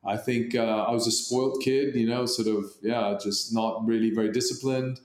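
A man born in Hong Kong, co-hosting a podcast, telling stories in a rambling, animated way with many restarts. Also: mid-range voice, normal speed. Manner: rambling, animated storytelling with frequent restarts and laughs. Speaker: podcast co-host. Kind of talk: casual conversation. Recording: echoey room sound.

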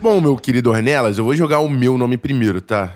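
A Brazilian man hosting a casual sports podcast in informal, halting, slangy talk, his voice slightly strained and failing. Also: mid-range voice, very noisy. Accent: Brazilian Portuguese. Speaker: podcast host.

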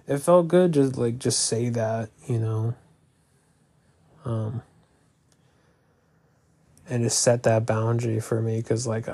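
A man's voice: mid-range voice, vocal fry, warm tone. A young man talking hesitantly in a personal confessional monologue, full of fillers and restarts.

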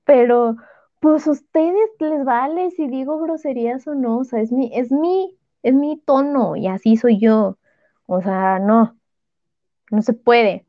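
A young Mexican woman co-hosting a podcast, chatting casually and sharing strong opinions with animated energy. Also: on the high side, slow, no room sound. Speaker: podcast co-host. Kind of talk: casual chat. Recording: tinny phone-like sound.

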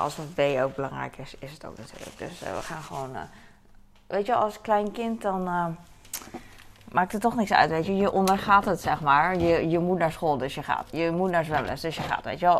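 Woman, 30s, casual chore vlogger, rambling and chatty, low-ish with some gravel, faint hiss behind. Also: moderate pace. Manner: chatty and rambling, animated when telling stories. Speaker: vlogger and mother. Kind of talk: casual chatty vlog while doing household chores.

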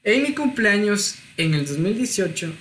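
A man, telling a personal story in casual chat, lively and self-mocking. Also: high voice, normal speed, slight background noise. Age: 20s.

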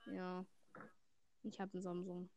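A woman's voice: fairly low pitch, monotone, slow pace, dark tone, dry recording. A teenage girl chatting playfully in a casual dare game, giggling often.

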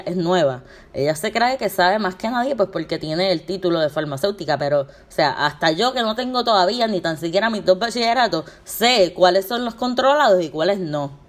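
A young woman with a Puerto Rican accent, hosting a podcast and venting heatedly in a casual monologue, swearing freely and dropping English words into her speech. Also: lowish voice. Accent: Puerto Rican Spanish. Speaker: podcast host.

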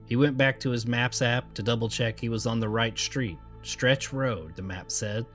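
Calm male horror story narrator. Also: medium pitch, moderate pace, faint music behind. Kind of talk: scripted narration.

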